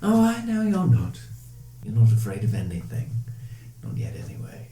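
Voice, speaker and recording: A syrupy, possessive fey patron , put on by a woman coos endearments in a very low voice that swoops wildly. She sounds sweet with a menacing edge. The room is echoey. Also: wildly swooping pitch, moderate pace, warm tone, heavily acted. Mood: sweetly menacing. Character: silky manipulative fey patron, female. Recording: echoey room, faint noise.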